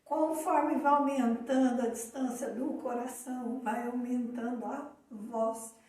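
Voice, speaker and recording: A Brazilian woman with a high yet mellow voice reflects calmly and tells a little story in a live chat. She is far from the mic in a strongly echoing room. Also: a little slow. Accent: Brazilian Portuguese. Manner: calm, reflective, tells anecdotes. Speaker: co-host of a live talk on emotional awareness.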